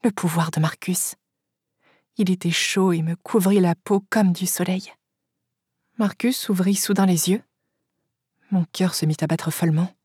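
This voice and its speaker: Woman reading an audiobook, kinda husky, dry close mic, steady storytelling. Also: fairly low pitch, measured pace, pauses often, no echo. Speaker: audiobook narrator. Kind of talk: first-person audiobook narration.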